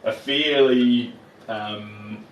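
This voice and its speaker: A man's voice: fairly low pitch, steady tone, extremely slow. A man with a broad New Zealand accent chatting casually and encouragingly to viewers as he hosts a livestream. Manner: encouraging, reassuring. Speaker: livestream host. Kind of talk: casual livestream chat while working, replying to viewers. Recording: roomy, distant mic with faint noise.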